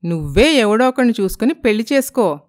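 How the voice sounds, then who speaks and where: A woman voicing a nosy, mocking middle-aged village aunty in an animated storybook, with a taunting way of talking. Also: fairly high pitch, brisk, no echo, studio quality.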